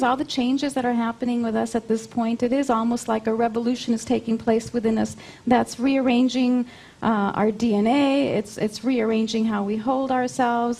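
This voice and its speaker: Woman guest, higher pitch, creaky fry, explanatory conversational delivery, repeated phrases. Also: warm tone. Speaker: interview guest, spiritual channeler.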